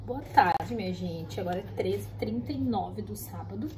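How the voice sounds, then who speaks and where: A Brazilian woman who runs a custom stationery studio vlogs casually to camera from her craft space, rambling and chatty, often checking in with "right?" and her viewers. Her mid-range voice has lively intonation and a moderate pace, with music playing in the background.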